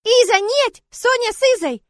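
A woman's voice: lively intonation, normal speed, a bit bright, dry recording, studio quality. A woman voicing a tiny, clingy, tearful little girl who shrieks and lisps childishly. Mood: wailing. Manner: shrill wailing, childish lisping words.

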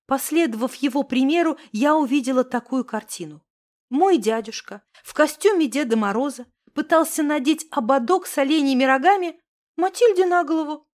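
A woman narrating a first-person story in a lively, wry manner. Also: sits high, moderate pace.

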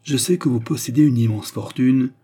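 A man voicing a noble count and gallant seducer who speaks softly, earnestly and courteously in an audiobook. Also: medium pitch, moderate pace, husky. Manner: soft, earnest, courtly speech. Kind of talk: audiobook character reading.

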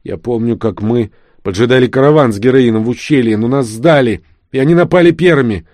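A man reading an audiobook, voicing a dazed captured soldier who pleads hoarsely and in confusion. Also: medium pitch, a little fast, a little mellow, no room sound, voice pushed up, lightly acted. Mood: confused, pleading.

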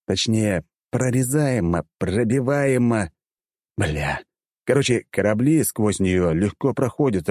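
Low, dark-voiced male audiobook narrator. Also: no echo, studio quality. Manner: wry, casual, with crude slang. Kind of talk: first-person audiobook narration.

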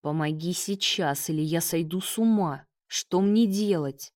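A woman voicing an impatient, pleading young man in an audiobook, with a slow delivery and a dry, close sound. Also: on the low side, darkish tone, no room sound, close to an everyday voice. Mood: urgent. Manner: urgent, pleading.

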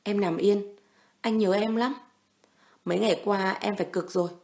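A woman's voice: medium pitch, fairly even intonation, moderate pace, creaky, darkish tone, lightly acted. A protective young hero in a romance audiobook, read by a woman narrator in her own voice. He speaks firmly and soothingly, tender with his beloved, cold and threatening toward enemies. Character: protective young man, tender yet menacing.

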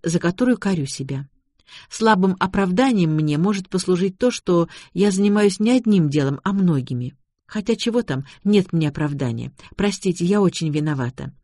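A man's voice: sits high, darkish tone, no echo, clean studio sound. A man voicing an apologetic woman investigator. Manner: apologetic, reasoning step by step. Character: polite guilty young woman investigator.

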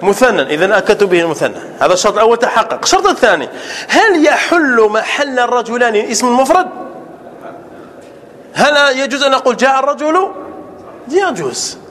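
A man's voice: extremely high pitch, lively intonation, fairly quick, fairly bright tone. A male scholar teaching a classroom grammar lesson, repeating example sentences and quizzing his listeners as he explains.

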